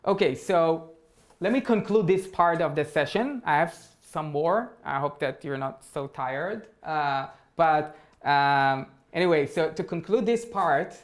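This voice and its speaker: Speaking unhurriedly with a fairly high pitch and lively intonation, a man delivers a tech talk and takes audience questions. He sounds hesitant, stumbling through frequent fillers and restarts.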